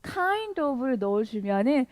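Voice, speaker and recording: A woman teaching English in a video lesson, lively and encouraging, asking her viewers questions and laughing often. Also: high voice, slow pace, no echo.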